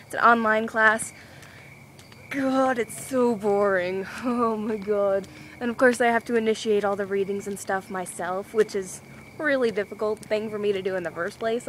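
A woman's voice: mid-range voice, a bit bright, a little hiss or hum, low-quality recording. A young woman walking outdoors with a handheld camera, vlogging in a rambling, scatterbrained, giggly way. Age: young adult. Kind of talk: rambling casual vlog.

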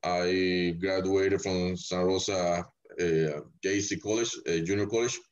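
Deep-voiced man from El Salvador. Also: measured pace. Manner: relaxed, rambling, many fillers. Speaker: winemaker guest. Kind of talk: casual podcast interview. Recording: dull lo-fi audio.

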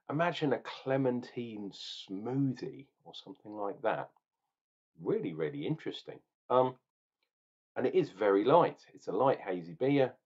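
A man's voice: fairly low pitch, darkish tone, slightly rough. Rambling, opinionated man on a webcam. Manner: opinionated, ranting, rambling and jokey. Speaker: beer reviewer. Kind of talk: casual beer review vlog. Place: small room at home, indoors. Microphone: webcam at desk. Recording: dull lo-fi webcam sound.

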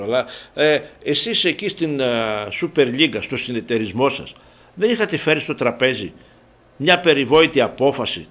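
Sarcastic, animated man ranting. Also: mid-range voice. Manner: indignant, sarcastic, swears, many restarts and fillers. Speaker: local TV sports show host. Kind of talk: heated football commentary monologue.

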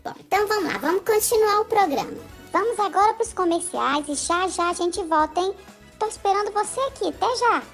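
A woman voicing a patient middle-aged female talk-show host in a doll play, calming and scolding a rowdy guest in a motherly way. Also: very high voice, a little fast, faint music behind. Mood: exasperated.

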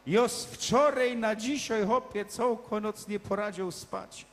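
A man putting on a nosy old Silesian fellow with a very high, piping voice who keeps egging his friend on. The sound carries the long ring of a stage hall. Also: measured pace, a bit bright. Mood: chatty. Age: older. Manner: prodding, keeps urging the story on. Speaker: cabaret performer. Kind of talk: stage comedy sketch. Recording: reverberant stage hall, faint ambience.

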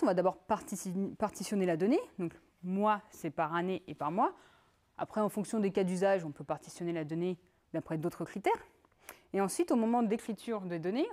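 A woman giving a technical conference talk, in a lively conversational way with many fillers and asides. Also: a little high. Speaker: conference speaker.

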